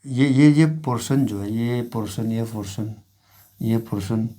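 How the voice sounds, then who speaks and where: A man from Arunachal Pradesh talks through an informal language lesson at a middle pitch. He says each example word two or three times, slowly and deliberately, and keeps pointing at areas as he explains. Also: mellow. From Arunachal Pradesh, India. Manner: repeats example words slowly, pointing at regions. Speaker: language teacher.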